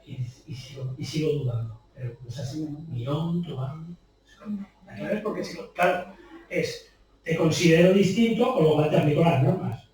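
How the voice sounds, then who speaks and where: Captured from a distance in a very echoey bookshop event room, a man from Spain talks informally about copy editing, anecdotal and chatty, tagging on rhetorical questions. He sounds a little high and a little mellow and speaks fairly quickly, with faint hiss or hum.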